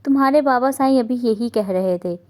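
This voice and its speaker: A woman's voice: on the high side, dark tone, close to an everyday voice. A woman voicing an older grandmother in a novel reading, doting on her granddaughter. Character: older grandmother, proud, softened.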